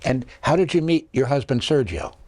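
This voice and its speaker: A man's voice: medium pitch, expressive, normal speed, a little mellow, no echo. Man hosting a studio interview. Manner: scripted introduction, brief listening affirmations. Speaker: host.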